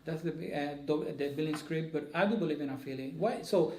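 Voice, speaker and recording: A man hosting a casual interview, upbeat in his intro and halting when asking questions. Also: fairly high pitch, a little mellow. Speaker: podcast host. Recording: echoey room.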